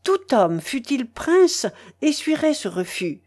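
Brief: a woman doing a pure young heroine, high, lively and pleading. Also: slow pace, exaggerated voice. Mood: earnest. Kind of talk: dramatic reading of a novel.

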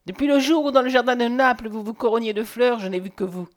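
A woman's voice: fairly high pitch, fairly even intonation, fast, close to an everyday voice. A woman playing a passionate, domineering man in a storybook reading, close to the reader's own voice. He speaks with urgent, commanding ardour, pressing every question. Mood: ardent. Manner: impassioned, commanding. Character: ardent, domineering man declaring his love.

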